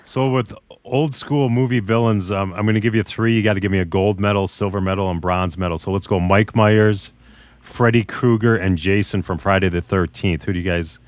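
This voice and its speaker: A man's voice: on the low side, fairly even intonation, fairly quick, dry recording. A man co-hosting a podcast in casual chat, rambling and often losing his train of thought. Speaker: podcast co-host.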